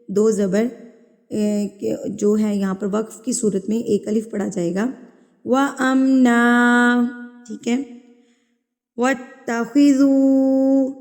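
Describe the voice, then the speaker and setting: A woman teaching a tajweed lesson, slowly reciting verses and patiently repeating sounds to correct common mistakes. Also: medium pitch, vocal fry, warm tone, in a large hall.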